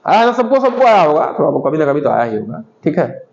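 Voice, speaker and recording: A man teaching young children in a classroom, with a high voice that swoops up and down as he asks questions and repeats each word slowly for his pupils. The recording sounds muffled and lo-fi. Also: very animated, gravelly, a little mellow. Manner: patient, asks pupils questions and repeats words to drill pronunciation. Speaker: primary school teacher. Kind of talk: classroom Hindi lesson.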